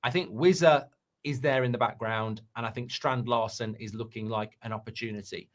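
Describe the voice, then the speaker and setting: A man hosting a football talk stream, holding forth at an everyday middle pitch. He talks at length and in detail, often pausing on fillers and restarting his sentences. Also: steady tone. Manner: talkative, hesitant with fillers and restarts. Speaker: football channel host. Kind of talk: casual football chat show.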